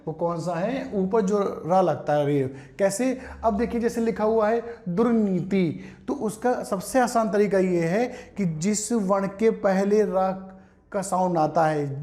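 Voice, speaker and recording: High-voiced man teaching a grammar lesson. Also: mellow. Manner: explains patiently, calls students "beta"; repeats words and asks rhetorical questions. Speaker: Hindi teacher. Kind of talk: exam-prep grammar lesson.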